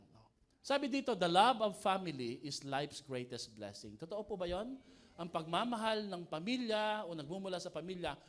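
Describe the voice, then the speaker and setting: A man preaching a sermon in a high, very lively voice. He is animated and jokey, and keeps throwing questions out to the congregation. He sounds like a pastor speaking at a live church service.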